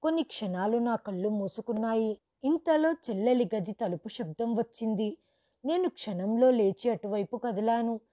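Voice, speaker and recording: A woman's voice: on the high side, moderate pace, dark tone. A woman reading a first-person story as scripted narration, dramatic, raising her voice for quoted lines.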